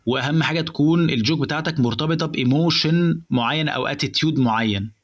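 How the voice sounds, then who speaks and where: A young man with an Egyptian accent, explaining in casual chat how to build a stand-up joke, animated and mixing in English words. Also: a little high, fast talker. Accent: Egyptian Arabic.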